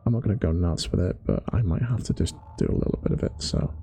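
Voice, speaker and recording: A man reading a book aloud as a bedtime-story ASMR storyteller, talking in a soft, relaxed, self-deprecating way. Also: low-pitched, fast, vocal fry, breathy edge.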